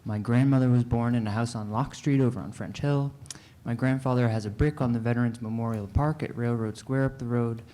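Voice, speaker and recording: A man from New Hampshire reads a steady, earnest statement during public comment at a city board meeting. His voice is mellow and dark, at a middling pitch. It is recorded in a council meeting room.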